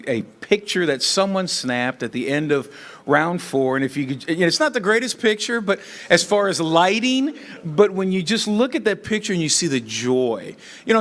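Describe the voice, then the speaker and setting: Man emceeing school awards, higher voice, lively pitch, board meeting setting. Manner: animated, reads long name lists with filler words. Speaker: school district presenter.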